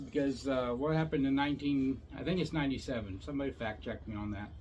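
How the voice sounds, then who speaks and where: A man's voice: mid-range voice, fast, a little mellow, muffled recording, slight background noise. An older man hosting a casual explainer, talking in an informal, matter-of-fact way. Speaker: host of a motorcycle safety series.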